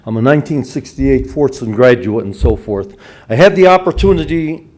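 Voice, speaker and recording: A man's voice: medium pitch, expressive, normal speed, darkish tone. A man in his seventies from Michigan, giving a rambling, insistent public comment at a city council meeting. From Dearborn, Michigan. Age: 70s. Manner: rambling, insistent, repeats "and so forth".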